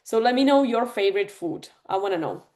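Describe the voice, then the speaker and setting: A woman's voice: medium pitch, animated, brisk, a little mellow. A woman from the Republic, a fitness and nutrition coach giving a live online masterclass in a chatty, direct way, full of fillers, over a video call. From Czech Republic. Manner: chatty, addresses the audience directly with many fillers.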